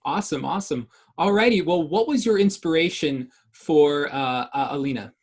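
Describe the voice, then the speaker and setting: A man's voice: a little high, normal speed. A young man, a film student, hosting a festival Q&A in an upbeat manner with casual fillers. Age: young adult. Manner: upbeat, repeats fillers like "awesome" and "alrighty".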